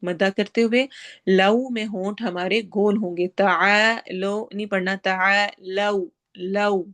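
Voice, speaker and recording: A woman teaching Quran recitation, explaining pronunciation rules in a brisk, instructive way. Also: mid-range voice, steady tone. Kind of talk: tajweed lesson.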